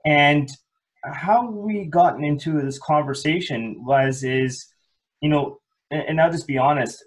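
A man's voice: medium pitch, low-quality recording. A man hosting a podcast interview, upbeat and chatty, often restarting his sentences. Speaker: podcast host. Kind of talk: casual interview chat.

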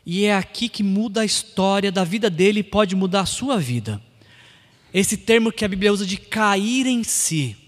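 A man preaching a sermon, impassioned and building to loud, emphatic peaks. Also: high voice, expressive, normal speed. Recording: long hall reverb.

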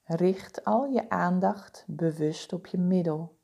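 A woman talks a listener through a body-scan meditation. Her voice is low-pitched and mellow, and her pacing is very slow and calm. She gives each instruction in a soothing, even way. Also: vocal fry, slightly rough. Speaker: meditation guide.

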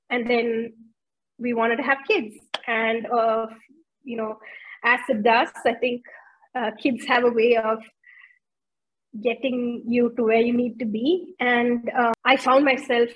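A woman, hosting a podcast and telling her own story in an earnest, reflective way with frequent filler pauses. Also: fairly high pitch, slightly rough, rough recording. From India. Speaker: podcast host and somatic practitioner.

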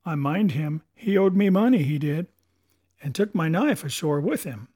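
A man plays a rough, superstitious pirate sailor who speaks in coarse sailor dialect. The voice is a little husky. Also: fairly high pitch, expressive, moderate pace, warm tone. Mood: grim.

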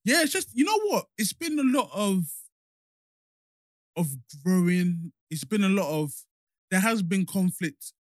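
Young male podcast co-host, London roadman accent, higher-than-average pitch, casual slangy chat, very dry recording. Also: lively intonation, a little slow, long pauses, no echo. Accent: London, urban slang-heavy. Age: young adult.

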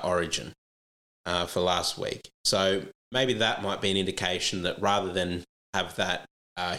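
A man's voice: deep voice, pushed and bright. An Australian man, a podcast guest giving casual sports analysis in conversation.

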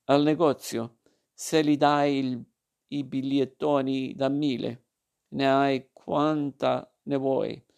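A malicious old man , as a male reader puts him on, who sneers and taunts with a gravelly, creaking edge. He stays at a middling pitch and mocks slyly. Each jab is delivered in a storybook reading. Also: little pitch movement, slow pace, a little mellow. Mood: mocking. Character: spiteful mocking old man.

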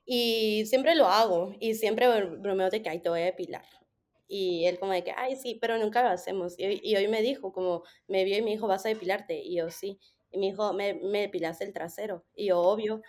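A young woman in a casual podcast chat, her pitch in an everyday middle range. She tells an anecdote and quotes both sides of the exchange. She laughs often and stays relaxed. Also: fairly quick. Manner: chatty, laughing, quoting back and forth. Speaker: podcast co-host.

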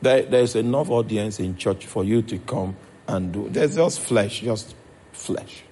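A man's voice: lowish voice, unhurried, warm tone, a little hiss or hum. A man with a Nigerian accent preaching a sermon as pastor, checking in with his congregation as he goes.

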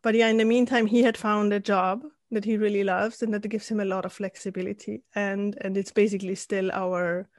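Austrian woman, flat steady delivery. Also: medium pitch, dry recording, clean studio sound. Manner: thoughtful, with frequent pauses and restarts. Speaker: guest, life and leadership coach. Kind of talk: casual interview conversation.

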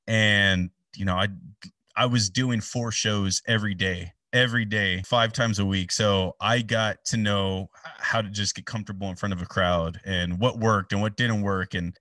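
A male sports announcer in his thirties tells stories in a relaxed interview, animated and chatty, leaning on "like" and "dude". His voice sits fairly low. The sound is dry, with him a little back from the mic. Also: no echo, far from the mic. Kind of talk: casual interview storytelling.

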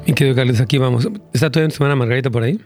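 A man's voice: medium pitch, rapid-fire, a little mellow, soft background music. A man, a pastor, earnestly answering callers' Bible questions, rambling with many fillers.

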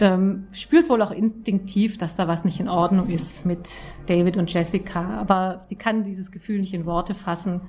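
A woman telling and reading a story aloud with an expressive, lively delivery. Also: mid-range voice. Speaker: audiobook reader. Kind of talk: storytelling narration.

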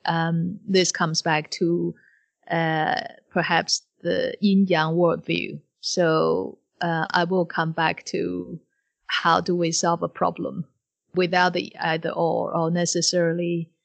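Slow, measured woman explaining on a podcast. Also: lowish voice, flat delivery, vocal fry. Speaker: podcast co-host.

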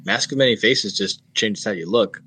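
A man's voice: on the low side, moderate pace, sharp tone, slight background noise. A man hosting a podcast, chatting casually and rambling through jokes and banter. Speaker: podcast host.

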